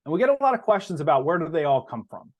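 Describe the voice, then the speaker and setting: A man plays a company executive pitching to investors, his slightly high voice full of animated intonation. He explains things carefully and stresses the important terms. The high frequencies are cut off.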